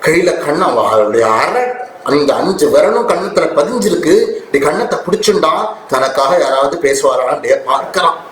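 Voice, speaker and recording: A man giving a devotional discourse who tells a story with dramatic feeling and slowly chants verses. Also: a little high, expressive, fairly bright tone. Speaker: religious discourse speaker. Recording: roomy, faint ambient noise.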